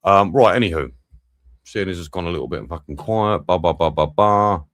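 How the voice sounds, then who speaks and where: A man's voice: low voice, normal speed, fairly bright tone, no echo, clean studio sound, soft background music. A young man doing a live match watch-along, swearing freely and bantering with his chat between bits of play commentary.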